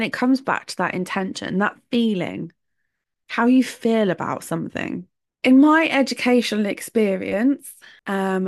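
Her voice medium in pitch, a woman with a sore throat runs a solo podcast, offering chatty opinions and laughing between points. The studio-quality recording has no room sound.

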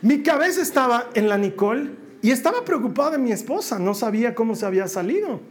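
A man giving a sermon, telling a family story in a lively way and acting out the voices of the people in it. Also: very high-pitched, quick pace. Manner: animated storyteller who acts out family voices. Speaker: preacher.

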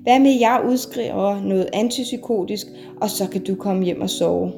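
Lady reading as a quiet serious psychiatrist lady, dry and matter-of-fact, mellow tone, faint guitar behind. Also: mid-range voice, vocal fry, natural voice. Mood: calm, serious. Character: brisk, measured female psychiatrist.

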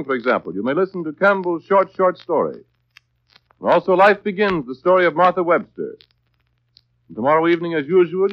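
An American male radio announcer reads scripted copy in a formal, carefully enunciated 1940s style. His voice is on the high side, and the dry, muffled recording has the band-limited sound of a vintage radio broadcast.

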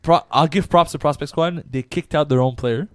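A man's voice: a little high, moderate pace. Rambling man telling a sports story. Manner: rambling storyteller, restarts, swears casually. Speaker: podcast co-host. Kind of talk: casual sports chat.

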